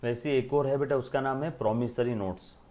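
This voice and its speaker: Commerce teacher guy lecturing, keeps asking clear? and answering himself. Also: mid-range voice, steady tone, brisk, warm tone. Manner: repeats questions and answers them himself, calls students beta. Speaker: accounting teacher. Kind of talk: classroom lecture.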